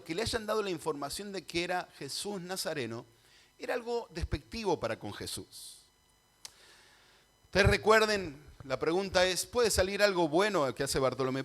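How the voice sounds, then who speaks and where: An Argentine pastor with a fairly high voice delivers an expository sermon. He raises his voice to ringing cries, then drops to quiet, earnest tones to press his point. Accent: Argentine Spanish. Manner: swings from loud cries to hushed earnest tones. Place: church hall.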